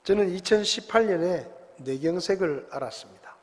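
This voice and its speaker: A man's voice: sits high, expressive, moderate pace. A man, a pastor preaching a sermon in a conversational, storytelling way with rhetorical questions. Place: church sanctuary. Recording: long church hall reverb.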